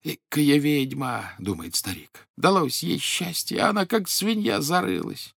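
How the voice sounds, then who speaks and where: A man's voice: a little high, sing-song, unhurried, vocal fry, fairly bright tone, breathy edge, no echo, studio quality, full character voice. A man voicing a meek, weary old fisherman who pleads and complains. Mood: complaining.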